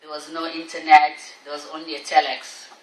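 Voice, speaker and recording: A woman's voice: low-pitched, flat delivery, fairly quick. A middle-aged woman with a Tanzanian accent giving a public speech, telling her personal story as a conference speaker. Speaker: conference speaker, tour company owner. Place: conference hall at a trade show. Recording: echoey room, distant, faint noise.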